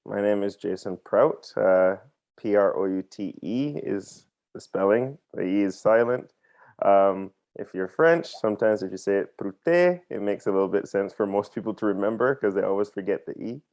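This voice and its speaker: This Barbadian pilot speaks on the low side at a normal pace, his tone darkish, with no room sound. As a podcast guest he answers interview questions casually and chattily, sprinkling in plenty of ums and uhs, over a dull, dry lo-fi recording.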